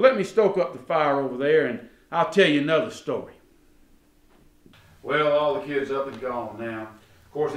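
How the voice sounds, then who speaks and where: A man's voice: a little high, fairly bright tone. A middle-aged man with a Southern US accent telling funny family stories in a folksy, drawling way, talking straight to his listeners. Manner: folksy, drawling, addresses the audience directly. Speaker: storyteller. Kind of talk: folksy comedic storytelling. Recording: roomy echo.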